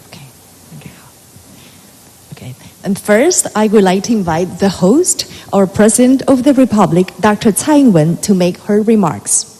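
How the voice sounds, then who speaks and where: A woman's voice: medium pitch, animated, a little slow, mellow, slight background noise. A woman acting as master of ceremonies, making courteous, formal introductions. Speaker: master of ceremonies at official meeting. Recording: reverberant hall.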